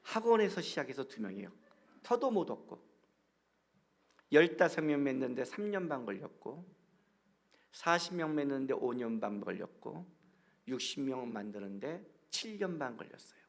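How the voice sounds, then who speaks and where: A man's voice: medium pitch, normal speed, creaky, pauses often. A middle-aged male pastor giving a guest sermon, telling stories and acting out bits of dialogue. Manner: animated storytelling with acted-out dialogue.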